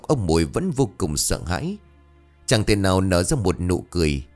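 Low-voiced man telling a ghost story. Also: a little mellow. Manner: dramatic, suspenseful.

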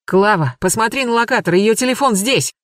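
A reader voicing Makar, a desperate young man searching for a missing girl, who sounds hoarse and speaks with urgent pleading. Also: medium pitch, fairly quick, a bit bright, no room sound, studio quality, pitched above the performer's own voice, close to an everyday voice. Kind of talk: audiobook character voice.

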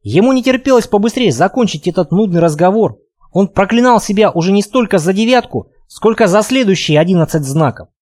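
Man reading a novel aloud, lively up-and-down voice, pretty high. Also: fairly quick, dry recording, clean studio sound. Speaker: audiobook narrator. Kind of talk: scripted narration.

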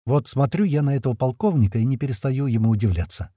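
A man tells a first-person audiobook story in a lively, colloquial voice. His tone is husky and mellow, and his pitch rises and falls a lot. The recording is dry and close. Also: fast, no room sound. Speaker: audiobook narrator.

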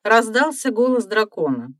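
A woman's voice: on the high side, sing-song, normal speed, a bit bright, no echo, clean studio sound. A woman narrator reading a scripted fairy tale.

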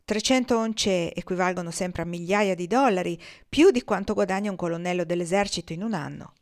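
A shrewd woman who cares about her friend, voiced by a woman narrator. She speaks low but with plenty of energy. It sounds like a storybook reading. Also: brisk, a little mellow, natural voice. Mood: persuasive.

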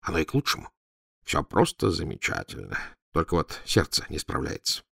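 A man's voice: very deep voice, huge pitch swings, normal speed, creaky, fairly bright tone, slightly rough, dry recording, clean studio sound, voice pushed down, exaggerated voice. A man voicing a smug, self-satisfied male chief doctor who talks proudly. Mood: hushed. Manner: proud, gloating.

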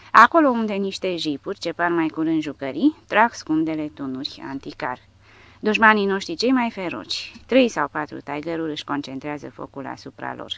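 A woman with a low, deep voice narrates an audiobook in a dramatic reading style. The sound is dry and close, with no room around it. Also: no echo. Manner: reads dramatically, raising voice for shouted quotes.

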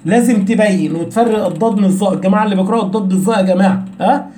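Speaking rapid-fire in a high, warm voice, a man with an Egyptian Arabic accent gives an explanatory lesson on the rules of Quran recitation. He answers the questions he puts to his listeners himself, and the echoey room recording has slight background noise.

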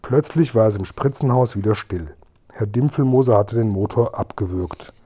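A man narrating a children's storybook in a steady storytelling cadence. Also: fairly low pitch, normal speed. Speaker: audiobook narrator.

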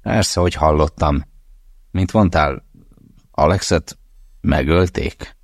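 A surly, hungover young man who answers in curt, mumbled bursts, as a man reads him. The voice sits very low and the sound is dry and close. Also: darkish tone, dry recording.

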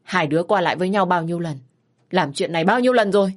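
A woman voicing a loud, frantic scolding mother. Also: medium pitch, lightly acted. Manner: loud, demanding rapid questions.

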